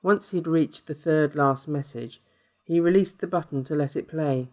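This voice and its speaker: A man narrates a short horror story in a steady, measured storytelling voice. His pitch sits a little high for a man. The reading is scripted and even. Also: highs cut off.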